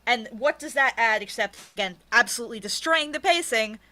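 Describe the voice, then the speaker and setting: A woman's voice: a little high, expressive, bright, forceful tone. A woman novelist in a casual conversational interview, explaining her ideas with enthusiasm and candor. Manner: enthusiastic, candid, quick explanations.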